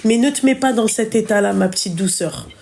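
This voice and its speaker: A woman's voice: medium pitch, a little fast, vocal fry, background noise. A woman hosting a call-in advice talk, fervent, affectionate and emphatic.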